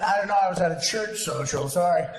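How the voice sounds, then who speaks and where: A man's voice: high-pitched, fast talker. A man telling a profane, self-mocking comic story on stage to a live audience, recorded in an echoey hall. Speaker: comedian. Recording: echoey hall with background noise.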